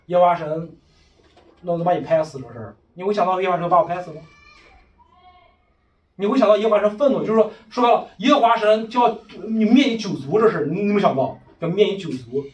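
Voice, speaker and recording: A man's voice: high voice, a little mellow, dull audio. A man leading a casual religious discussion as a preacher, emphatic and firing one rhetorical question after another. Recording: echoey room, far from mic.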